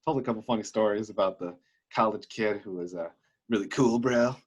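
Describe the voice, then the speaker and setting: Husky low-voiced man chatting. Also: a little fast. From Wisconsin. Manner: chatty storyteller, many fillers. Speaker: podcast co-host. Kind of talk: casual chat.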